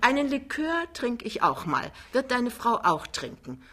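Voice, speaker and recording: A vain older mother, brash and boastful, holding court in a triumphant, theatrical tone, as a woman puts her on. Her voice is bright and cutting, sitting higher than the reader's own. She is a storybook figure from an audiobook reading. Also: big pitch swings, measured pace, full character voice.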